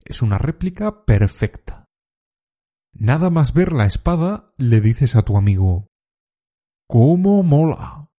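Man teaching with a very dark voice. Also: mid-range voice, sing-song, unhurried. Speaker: Spanish teacher. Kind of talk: scripted explanatory lesson.

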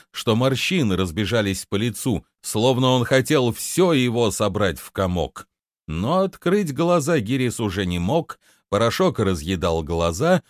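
A man narrating an adventure audiobook in an expressive, dramatic way. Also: on the low side, no echo, clean studio sound.

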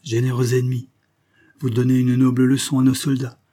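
Dude doing a nervous hurt guy, over-the-top grateful, kinda husky. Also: mid-range voice, monotone, fairly quick, dark tone, pitched above the performer's own voice, lightly acted. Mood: anxious. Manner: theatrical, effusive. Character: frightened wounded republican man, theatrical, ingratiating.

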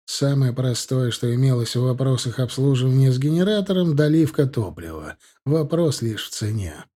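A man narrating a fantasy audiobook in a steady, measured reading style. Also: mid-range voice. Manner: steady, measured reading of dense technical prose. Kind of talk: scripted narration.

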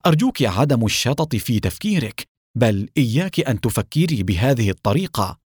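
A man's voice: medium pitch, big pitch swings, brisk, breathy edge, no echo, clean studio sound. A man reading a soothing, worried father. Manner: quiet, soothing, reasoning. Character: gentle worried father, man, calm and reassuring.

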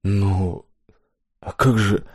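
A nervous village blacksmith, read by a man, eager to please his dreaded guest. He hesitates and stammers, his low voice falling into squeaks when cornered. The sound is close and dry. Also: fairly even intonation, drawn-out words, darkish tone, slightly rough, no echo, heavily acted. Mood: frightened. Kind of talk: audiobook character reading.

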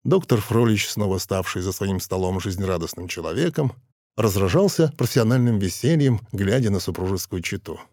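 A man narrating a dramatic audiobook in a measured, theatrical manner. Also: lowish voice, lively intonation, no echo, clean studio sound. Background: soft music.

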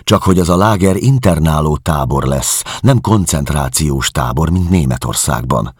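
A man voicing a weary male refugee who answers with sardonic calm. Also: rumbling low, slightly rough, no echo, voice pushed up, heavily acted. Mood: sardonic defiant.

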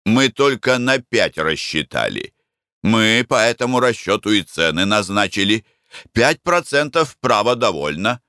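A man voicing a calm, composed merchant who answers plainly and without haste, in an audiobook reading. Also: medium pitch, no echo, clean studio sound. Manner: calm, even-tempered.

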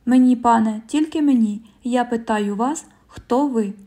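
A woman's voice: a little high, mellow. A woman reading as a stern police commissioner. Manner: formal, measured questioning. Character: stern middle-aged male police commissioner.

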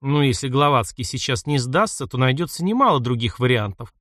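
A man reading aloud, voicing a nervous commandant who speaks quietly with a shaking voice. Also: medium pitch, animated, a little fast, no room sound, clean studio sound, lightly acted. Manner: quiet, shaky voice. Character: nervous trembling male commandant.

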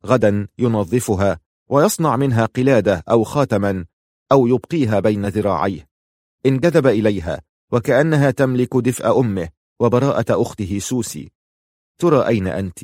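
A man narrating an audiobook in a measured, literary reading style. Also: fairly low pitch, lively intonation, a little mellow, dry recording, clean studio sound.

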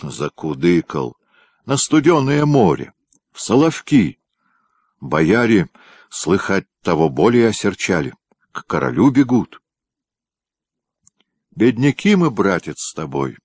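A man voicing rough, common palace guards in a read-aloud historical story, with folksy peasant talk in a raised voice. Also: sits low, very animated, takes it slowly, pauses often, a little mellow, dry recording, clean studio sound, heavily acted. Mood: grumbling. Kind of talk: audiobook reading.

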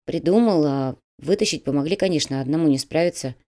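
A woman voicing a timid young orphan man who speaks quietly and shyly. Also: sits low, brisk, close to an everyday voice. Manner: quiet, shy.

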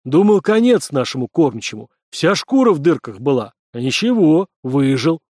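A blunt, gruff giant Norse warrior, as a male audiobook reader puts him on, speaking plainly and a touch raised. The sound is dry and close. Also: fairly high pitch, big pitch swings, moderate pace, darkish tone, no room sound.

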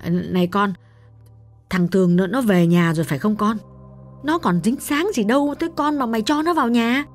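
Man doing shrill flustered old woman. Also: soft background music. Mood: anxious. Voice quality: shrill, rapid, emphatic. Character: elderly woman, flustered, insistent, easily alarmed. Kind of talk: audiobook storytelling.

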